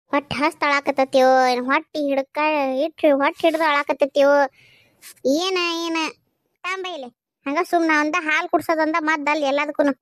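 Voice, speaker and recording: A woman's voice: high-pitched, no room sound, studio quality, lightly acted. A woman voicing a fretful village grandmother with a North Karnataka accent. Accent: North Karnataka Kannada. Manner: fussing, scolding, chatty. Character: fretful village grandmother, doting on crying baby. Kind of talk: cartoon voice acting.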